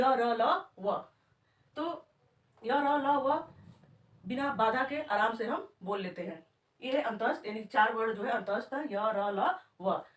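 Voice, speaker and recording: A woman's voice: on the high side, fairly bright tone. A woman teaching a grammar lesson, saying each sound aloud and asking and answering her own questions. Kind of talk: classroom-style grammar lesson. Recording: echoey room, voice from a distance.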